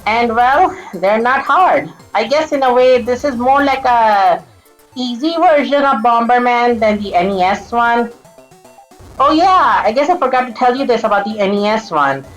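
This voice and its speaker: Stumbling woman game commentator, higher voice. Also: lively intonation, moderate pace, highs cut off, soft background music. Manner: stuttering, flubs and restarts lines, laughs often. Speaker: gameplay commentator. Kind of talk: casual let's-play commentary.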